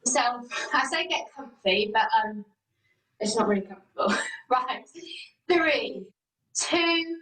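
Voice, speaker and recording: A woman's voice: on the high side, normal speed, a bit bright. A woman leading an online exercise class, speaking in an informal, encouraging way as the instructor. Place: indoor room, video call. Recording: roomy echo, far from the mic.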